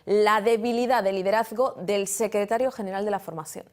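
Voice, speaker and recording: A woman news anchor reading the evening bulletin in a brisk, formal manner. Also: mid-range voice, a crowd in the background.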